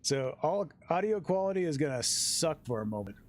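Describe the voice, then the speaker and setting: A man chatting casually with his viewers while streaming a game, easygoing and quick to laugh. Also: on the high side, very animated. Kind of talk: casual live-stream chat while gaming.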